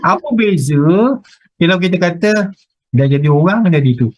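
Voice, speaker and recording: A man's voice: fairly high pitch, normal speed, no room sound, highs cut off. A middle-aged man with a Malaysian Malay accent giving an online university lecture, teasing and quizzing his students as he goes. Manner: teasing, lively, asks students questions. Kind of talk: online lecture with class banter.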